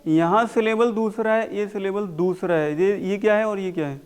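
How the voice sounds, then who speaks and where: A man teaching a spoken English class, mixing Hindi and English and slowly repeating words for his students to copy. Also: high-pitched, clean tone. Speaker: English communication coach.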